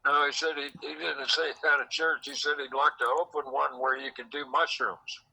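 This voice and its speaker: A man's voice: medium pitch, flat delivery, brisk, gravelly, sharp tone, husky, poor audio. A man telling a rambling story in casual chat, quoting people in dialogue, recorded in a secretly taped conversation. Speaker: host.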